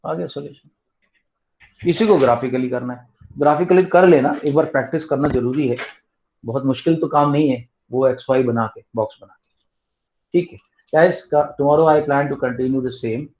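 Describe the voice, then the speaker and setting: A man's voice: mid-range voice, moderate pace. A male maths tutor teaching an online class, mixing Hindi and English and explaining step by step with repeated key terms. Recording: dull lo-fi online class audio.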